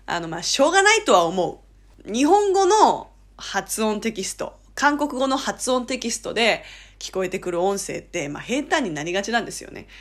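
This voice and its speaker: A woman's voice: on the high side, very animated, normal speed. A woman with a Korean accent hosting a casual solo talk show, laughing often and acting out quoted lines. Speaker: podcast host.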